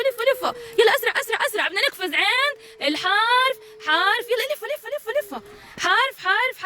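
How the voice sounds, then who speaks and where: Very high-pitched, lively woman teacher. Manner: energetic, encouraging, calling out to children. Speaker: preschool teacher. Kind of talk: leading a children's letter game.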